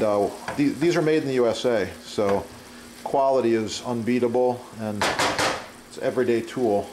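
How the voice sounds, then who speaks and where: Middle-aged man, mid pitch, chatty cooking demo, sizzling pan behind. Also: a little mellow, slight background noise. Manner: chatty, enthusiastic, frequent "uh" fillers. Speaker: cooking demonstrator. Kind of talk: casual cooking demo with product plugs. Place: home kitchen at the stove. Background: frying and sizzling in the pan.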